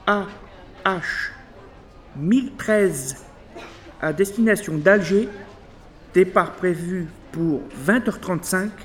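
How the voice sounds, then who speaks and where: A man reading scripted airport announcements in a formal, segmented, phrase-by-phrase delivery. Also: sits high.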